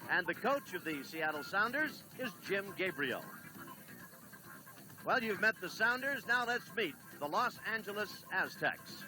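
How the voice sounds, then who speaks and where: A man calling a late-1970s televised soccer match as play-by-play announcer, briskly reading standings, lineups and notices. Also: high voice, over music, poor audio. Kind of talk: 1970s TV sports broadcast. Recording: old TV broadcast with steady noise.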